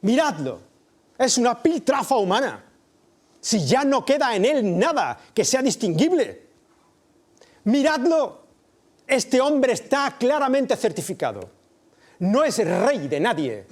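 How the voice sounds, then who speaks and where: A man voicing a mocking Roman governor, loud and drawn out. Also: extremely high pitch, very animated, slow pace, voice pushed up, exaggerated voice. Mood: scornful.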